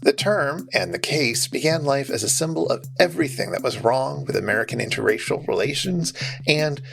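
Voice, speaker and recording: A man's voice: mid-range voice, expressive, normal speed, creaky. A man co-hosting a podcast, giving informal, wry commentary and trivia about a film. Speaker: podcast co-host. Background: music.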